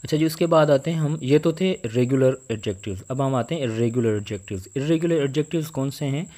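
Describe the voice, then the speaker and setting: A man's voice: mid-range voice, fast talker, dark tone. A man teaching English grammar in a patient, explanatory way, repeating each point and checking that students follow.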